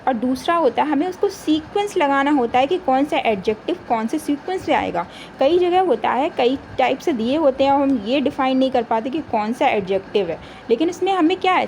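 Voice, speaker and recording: A woman teaching an exam-prep grammar lesson. She asks questions and answers them herself, and reads example sentences slowly. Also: high-pitched, darkish tone, slight background noise, rough recording.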